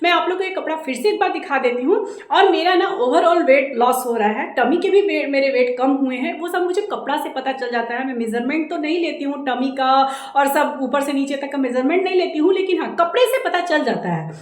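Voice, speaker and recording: A woman in her thirties from India, with a Jharkhand Hindi accent, talks loudly and quickly in a high, expressive voice for a casual vlog at home. It's recorded on the camera's built-in mic with no separate microphone, so the room sounds echoey and her voice comes from camera distance.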